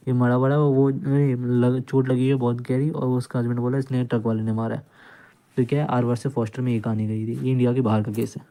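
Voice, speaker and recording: A man's voice: medium pitch, dark tone. A man giving an informal law lecture, explaining points by retelling cases and repeating phrases, mixing English legal terms into his talk. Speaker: law tutor.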